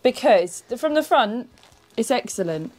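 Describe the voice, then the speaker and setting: A woman's voice: on the high side, very animated, measured pace, a little mellow. A playful woman co-hosting a football shirt unboxing and teasing her partner. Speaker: co-host. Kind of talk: casual unboxing chat.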